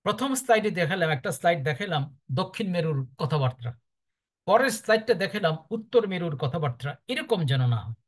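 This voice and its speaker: A man's voice: high-pitched, fast talker. A man with a Bangladeshi accent, a teacher giving firm, emphatic advice to his students in a lecture. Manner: firm, instructive, lively emphatic delivery.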